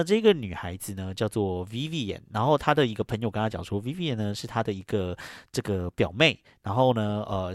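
A man's voice: no echo, clean studio sound. A man hosting a podcast, recapping a film's plot in a rambling, casual way, often trailing sentences with filler phrases and acting out characters' lines. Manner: acts out characters' lines with jumps in pitch. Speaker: podcast host.

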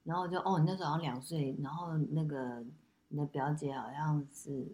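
A woman hosting a casual podcast chat, her voice sitting low. She rattles through family anecdotes at a quick clip, restarting her sentences as she goes. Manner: lively anecdotal storytelling with many restarts. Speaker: podcast host and mother.

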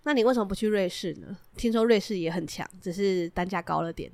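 A woman's voice: mid-range voice, vocal fry, a little mellow, no room sound. A woman co-host with a congested, nasal voice, joking around in a casual chat. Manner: quick, joking. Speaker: podcast co-host.

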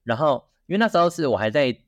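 A man from Taiwan, co-hosting a casual podcast and reacting with quick exclamations. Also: fairly high pitch, very animated, no room sound. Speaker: co-host.

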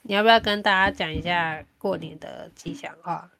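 A woman with a Taiwanese Mandarin accent, chatting casually as a podcast host and telling things in an animated, colloquial way. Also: fairly low pitch, normal speed, creaky. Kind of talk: casual chat.

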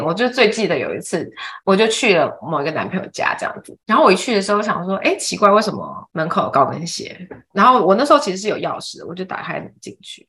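Lively fast-talking woman podcaster. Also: mid-range voice. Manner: storytelling, many restarts and fillers. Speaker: podcast co-host. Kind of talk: casual podcast chat.

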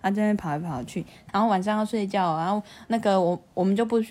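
A woman's voice: medium pitch, fast, a little mellow. Young woman, casual podcast co-host, chatty storyteller with lots of restarts. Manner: chatty, restarts a lot, acts out childish voices in quotes. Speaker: podcast co-host telling childhood stories. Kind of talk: casual chat. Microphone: desk USB condenser mic.

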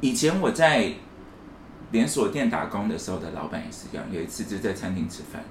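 A man's voice: on the low side, sing-song, fairly quick. A man, co-hosting a casual podcast chat and telling a story while acting out the quoted lines. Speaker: podcast co-host. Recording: echoey room, faint hiss.

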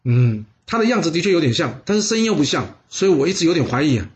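A man's voice: on the high side, very animated, quick pace, dull audio. A man doing a fussy doubtful border official. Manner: musing, doubtful. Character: suspicious male border official, fussy and easily swayed.

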